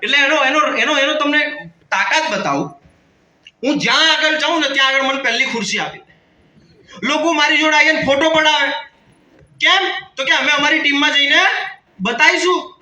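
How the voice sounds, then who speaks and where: A man's voice: extremely high pitch, normal speed, pushed and bright, roomy sound, far from the mic, poor audio. A man of around 30 with a Kathiawadi Gujarati accent gives a motivational business seminar talk, joking and calling out to the audience. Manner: jokey, calls out to the audience. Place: hall with an audience.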